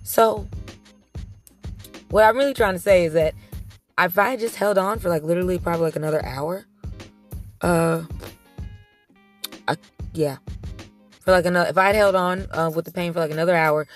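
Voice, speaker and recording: A woman telling a story in a casual, comic way, animated and blunt, swearing freely and often restarting her sentences. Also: on the low side, normal speed, long pauses, faint music behind. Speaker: storyteller recounting her childbirth. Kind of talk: casual comedic storytelling to camera.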